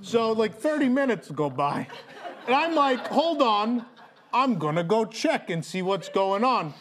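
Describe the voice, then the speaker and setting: Chatty, animated high-voiced man hosting live. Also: unhurried. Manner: joking, chatty. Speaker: show host. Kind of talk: casual live stage banter and storytelling.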